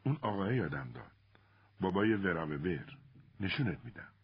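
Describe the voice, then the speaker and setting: A man voicing a chatty, excited little girl in a storybook reading, in a raised, squealy voice. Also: low-pitched, breathy edge, muffled recording, full character voice.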